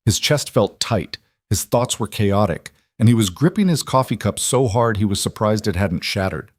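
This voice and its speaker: Low-voiced man narrating drama. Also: expressive, no room sound, studio quality. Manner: measured, dramatic storytelling. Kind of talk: scripted narration.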